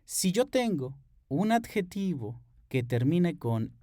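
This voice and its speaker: A man's voice: fairly high pitch, big pitch swings, slow pace, warm tone, no room sound, clean studio sound. Patient male teacher at a whiteboard. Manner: patient, explains step by step, checks in with "¿ok?". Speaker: English teacher. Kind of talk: whiteboard grammar lesson.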